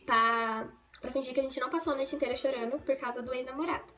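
A woman's voice: high-pitched, fairly even intonation, quick pace, crowd noise. A young woman from Brazil chatting casually as she does her makeup at home, joking and rambling with self-corrections. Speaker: makeup vlogger. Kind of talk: casual get-ready-with-me vlog. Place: at home in a bedroom.

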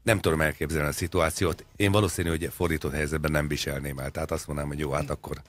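A man's voice: very deep voice, little pitch movement. A man co-hosting a radio talk show, chatting in a wry, rambling way, spinning absurd jokes with frequent hesitations. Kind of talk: comedic casual chat.

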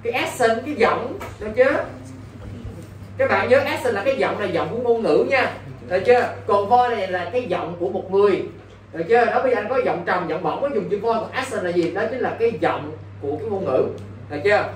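A man's voice: high-pitched, quick pace. A male English teacher, giving an exam-prep lesson and constantly quizzing his students. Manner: quizzing, keeps asking "got it?". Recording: roomy, distant mic, faint background noise.

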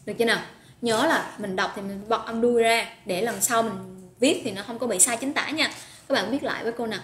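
Brisk and a little high-pitched, this upbeat teacher leads an online vocabulary class, calling out students by name with praise and having them repeat words for pronunciation. Faint noise and echo fill the room.

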